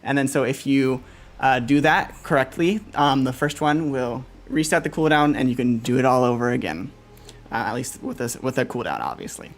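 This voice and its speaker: A man hosting a casual game livestream, upbeat and quick to laugh, with lots of fillers as he walks through weapon stats. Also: medium pitch, soft background music. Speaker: livestream host.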